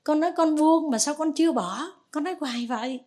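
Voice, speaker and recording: A woman voicing a calm, patient Buddhist master who gently questions a disciple. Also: high-pitched, brisk, pitched above the performer's own voice, natural voice. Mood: probing.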